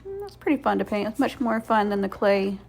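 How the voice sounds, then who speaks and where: A woman's voice: medium pitch, big pitch swings, brisk, creaky, husky. A woman giving casual, rambling craft voice-over commentary as host, playfully sarcastic and self-deprecating.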